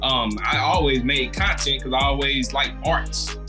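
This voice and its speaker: A man from Louisiana with a Southern US accent, a comedian guest telling stories in a relaxed, laughing way on a casual podcast. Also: medium pitch, unhurried, music in the background. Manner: laid-back storyteller, laughs often, says "man" a lot.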